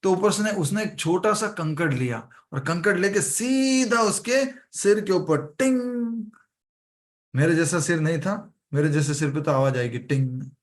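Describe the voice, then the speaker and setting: Man, scripture class teacher, slightly high voice, lively storytelling, video call audio. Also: a little slow. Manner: lively, acts out characters' lines in story. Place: online class.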